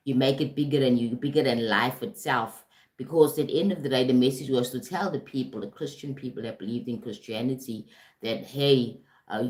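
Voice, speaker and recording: Very low-voiced South African woman. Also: echoey room. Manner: conversational, asks "right?" and "you understand?" often. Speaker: life coach and motivational speaker. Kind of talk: live-streamed spiritual talk. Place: home in Durban, streaming.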